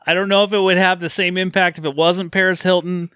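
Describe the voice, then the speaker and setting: A man hosting a podcast in casual chat, animated and laughing often as he acts out movie moments. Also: sits high, fast talker, clear, resonant tone, no echo, clean studio sound. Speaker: podcast host. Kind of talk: casual chat reviewing horror films.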